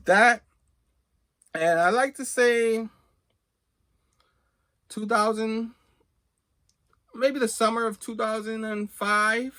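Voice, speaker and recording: A middle-aged man who hosts a comics collecting video channel tells a personal story casually, rambling as if in conversation and acting out bits of remembered dialogue. His voice is high, pushed, and bright.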